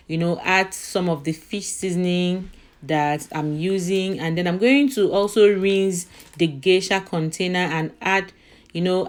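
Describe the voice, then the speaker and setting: A woman narrating a recipe casually as a cooking vlogger, chatting directly to her viewers. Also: lowish voice. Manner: chatty, addresses viewers as "you guys" often.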